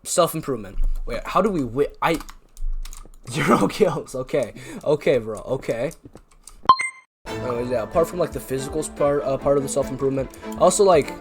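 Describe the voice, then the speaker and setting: Over background music, a young Canadian YouTuber chats loosely during gameplay, rambling with plenty of fillers and self-deprecating asides. His mid-range voice moves at a moderate pace with lively intonation.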